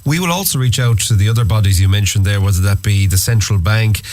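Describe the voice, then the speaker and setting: A man's voice: fairly low pitch, fast, darkish tone, slight background noise. A man with an Irish accent hosting a local radio interview and putting questions to a guest.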